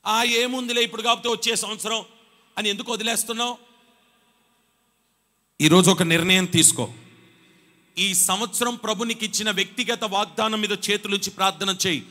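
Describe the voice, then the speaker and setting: High, bright-voiced preacher man in a reverberant hall. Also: fairly even intonation, fairly quick, pauses often. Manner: rises from quiet storytelling to shouted exhortation, urging the congregation to respond. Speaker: pastor. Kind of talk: Sunday sermon. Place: church hall. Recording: live sermon with long hall reverb.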